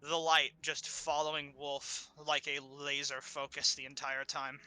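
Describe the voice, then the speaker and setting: Male game master, very bright tone, slightly high voice, halting descriptive narration, music faintly behind. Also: flat delivery, clean tone.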